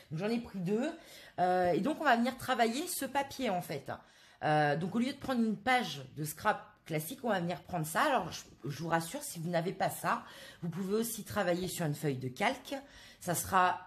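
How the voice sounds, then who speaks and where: A woman from France in a casual haul video, chatting to her viewers with many hesitant fillers. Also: mid-range voice. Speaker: craft vlogger.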